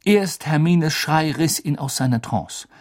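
A man narrating an audiobook in a dramatic, expressive storytelling manner. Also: on the high side, measured pace.

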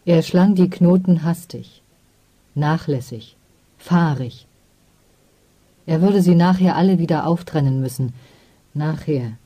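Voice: medium pitch, mellow, dry recording. Ein ruhiger, gemessener Erzählvortrag, trocken und ganz nah am Mikrofon aufgenommen. Die Lesung bleibt gedehnt und ernst, ohne jeden Raumhall. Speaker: audiobook reader. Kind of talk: scripted narration of a literary story.

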